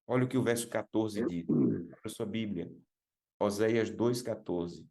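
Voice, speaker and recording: A Brazilian man preaching a sermon, emphatic, repeating key words and calling listeners brothers, slowing to stress lines. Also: vocal fry, dark tone. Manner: emphatic, rises in pitch and slows down for stressed phrases.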